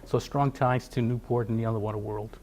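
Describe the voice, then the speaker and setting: A man's voice: mid-range voice, fairly even intonation, fairly quick, darkish tone. A middle-aged man from Portugal, a company founder, speaking in a TV business interview with many fillers and restarts. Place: TV studio.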